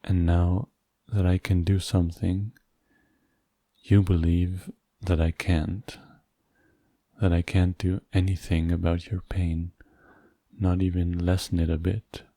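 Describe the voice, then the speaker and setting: A man playing a tender, hurt, devoted boyfriend in an ASMR role-play, speaking in a soft, intimate, halting murmur to comfort a partner. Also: deep voice, flat delivery, dry recording, clean studio sound, exaggerated voice. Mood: hurt, pleading. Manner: slow, halting, gentle, intimate.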